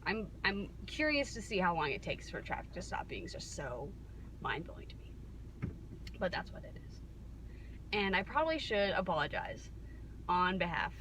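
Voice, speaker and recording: A woman's voice: on the low side, normal speed, pauses often. An American woman telling a casual, rambling story to camera, wryly interrupting herself and acting out bits of dialogue, recorded inside a car. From Kansas, United States. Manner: wry, self-interrupting, acting out reported dialogue. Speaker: vlogger. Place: inside a car while driving. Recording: noisy car interior, steady background noise.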